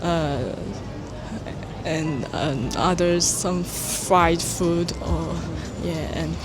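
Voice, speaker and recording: A man's voice: a little high, extremely slow. A man from China with a Chinese accent, answering street interview questions in English, hesitant and searching for words with many fillers. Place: outdoors on a city street.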